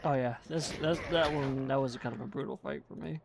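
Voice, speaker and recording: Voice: mid-range voice, brisk, vocal fry, background noise. A gamer giving casual commentary on a playthrough, reading quest text aloud in an easygoing, self-mocking way.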